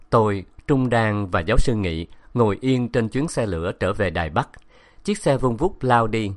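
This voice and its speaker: A man reading a novel aloud as narrator, in calm, even storytelling. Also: fairly low pitch. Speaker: audiobook narrator. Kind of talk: scripted narration.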